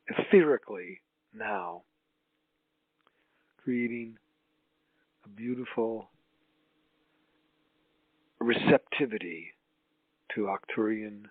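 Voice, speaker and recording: Over a roomy, tinny, phone-like line, a medium-pitched male voice guides a healing meditation. He speaks as a spiritual channel, in a solemn, mystical healer's manner, stretching out his phrases and pausing haltingly.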